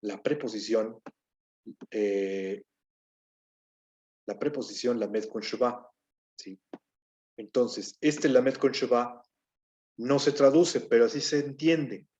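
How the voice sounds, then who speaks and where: A man's voice: mid-range voice, slow pace, long pauses, a little mellow, muffled recording. A man teaching a grammar lesson, explaining step by step and often checking in with his listeners. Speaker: Hebrew teacher.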